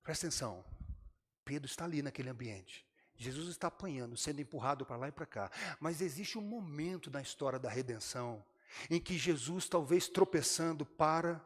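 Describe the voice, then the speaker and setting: Brazilian pastor preaching in a reverberant church. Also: male voice, on the high side. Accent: Brazilian Portuguese. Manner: dramatic storytelling, acting out the characters' lines; addresses the congregation directly. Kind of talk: sermon.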